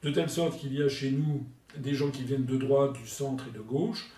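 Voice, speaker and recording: A man's voice: mid-range voice, steady tone, normal speed, mellow. A man answering as a political spokesman, hesitant with many fillers and restarts. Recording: echoey room from far off.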